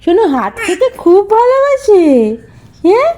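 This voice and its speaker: A mother speaking soft, cooing, sing-song baby talk to her sick infant. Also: extremely high pitch, sing-song, moderate pace.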